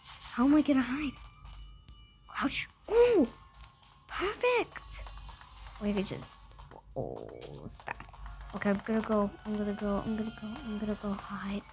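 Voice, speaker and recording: A woman giving casual let's-play commentary, excitable and jumpy, repeating her words as she chatters. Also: medium pitch, a little slow, long pauses, a little hiss or hum. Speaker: gamer.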